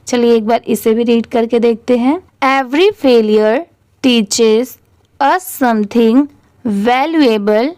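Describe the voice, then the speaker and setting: Slow, patient woman teaching English reading. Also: fairly high pitch, a little mellow, no echo. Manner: spells each word letter by letter, then reads the whole sentence slowly. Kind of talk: English reading lesson, spelling words aloud letter by letter.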